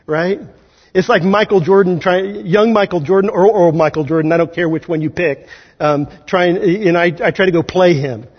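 A man preaching a sermon as pastor, talking conversationally and slipping into quick acted asides. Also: sits high. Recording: dull audio in a large hall.

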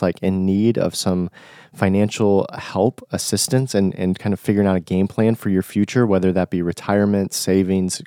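A young man hosts a casual solo podcast, chatting informally with buddy-like slang while his nose is stuffed up from recovering from flu. His voice is deep, dark-toned, nasal, and congested. The recording is studio quality without echo.

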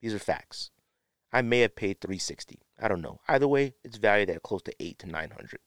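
With a lowish, fairly bright voice, this podcast host talks briskly and with lively intonation, pushing his opinions and repeating phrases for emphasis. He's sniffly from a runny nose. The close podcast mic yields clean studio audio with no room sound.

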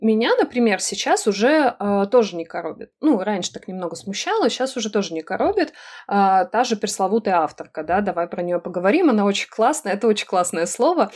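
A woman speaks as a podcast guest, mid-pitched and measured, thinking aloud as she explains. Her talk is full of pauses and filler sounds. She lays out her points patiently. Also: darkish tone. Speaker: writer and literary editor, podcast guest. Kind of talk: conversational podcast interview.

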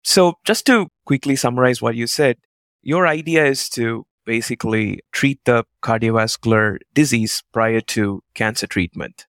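A young man co-hosting a medical podcast, who summarizes the guest's points appreciatively and presents a clinical case clearly. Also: mid-range voice, normal speed, fairly bright tone, no room sound. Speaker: podcast co-host, cardiology fellow. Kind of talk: podcast interview.

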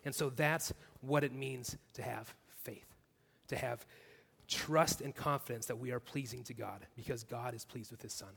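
A man's voice: medium pitch, fairly even intonation, normal speed, gravelly, fairly bright tone, breathy edge, in a large hall. A man preaching a sermon as pastor, earnest, building his points in repeated clauses. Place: church.

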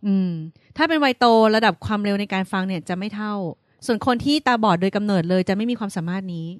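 A woman co-hosting a casual podcast chat, explaining research findings in a relaxed way. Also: medium pitch, fast talker, no echo, clean studio sound. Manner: explains research points, laughs easily. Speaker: podcast co-host.

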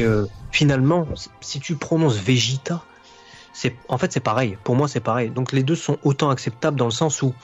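A man's voice: medium pitch, husky. A man speaking as a podcast guest, explaining his views at length with frequent fillers and restarts. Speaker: guest YouTuber analysing anime. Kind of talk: casual podcast discussion. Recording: dull lo-fi recording.

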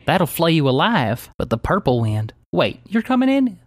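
A woman's voice: deep voice, sing-song, moderate pace, dry recording, clean studio sound, voice pushed up. A game master voicing a shy, introverted island woman who stutters and says y'all. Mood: defensive. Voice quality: stutter, folksy y'all speech.

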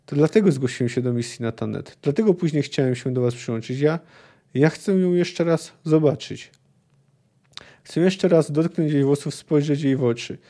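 A man reading the part of an earnest, lovesick young knight, in a calm, plain voice. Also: a little high, normal speed, close to an everyday voice. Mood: confessing.

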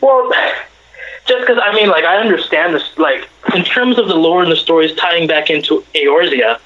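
A man's voice: on the high side, moderate pace. A man calling into a talk show over the phone, chatting casually and rambling with lots of fillers. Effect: heard over the phone. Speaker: caller. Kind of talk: casual call-in chat. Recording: dull lo-fi phone line.

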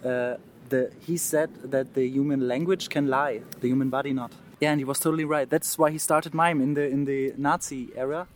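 A man in his thirties from Saxony in East Germany, a native German speaker with a German accent and a mime artist by trade, talks earnestly as a guest in a casual interview, often restarting words and laughing. His medium-pitched voice has fairly even intonation and moves fairly quickly with hardly any pauses, over slight background noise.

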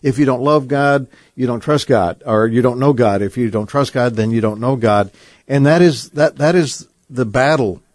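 Mid-pitched male radio host, halting. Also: no room sound. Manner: conversational, halting, with many fillers.

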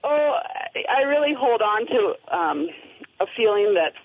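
A woman talks over a narrow telephone line with a gravelly, creaky voice, hoarse from a head cold. She is an interview guest who speaks earnestly, feeling her way through phrases. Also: fairly high pitch, sing-song, unhurried. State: has a cold. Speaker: interview guest, local parent. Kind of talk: phone interview.

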